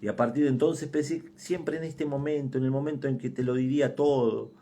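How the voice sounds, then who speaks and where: A man's voice: mid-range voice, steady tone, brisk, lightly acted. A man with an Argentine accent voicing a dying woman who confesses to her sister in a faltering, urgent voice. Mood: hushed confession. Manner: faltering, hushed, urgent pleading.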